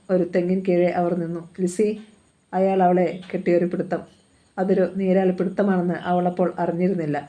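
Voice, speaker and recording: A woman reads a novel aloud in a steady storytelling manner. Her voice sits low and mellow, with very little rise and fall in pitch. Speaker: narrator. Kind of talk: novel reading.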